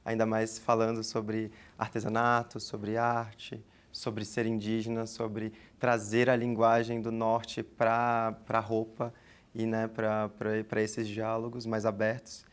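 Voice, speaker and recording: A man's voice: fairly low pitch, monotone, slow, smooth. A man in his twenties from the Amazonas region of Brazil, a guest in an interview who speaks in a chatty, reflective way and often adds tag fillers. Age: 20s. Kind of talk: casual interview talk.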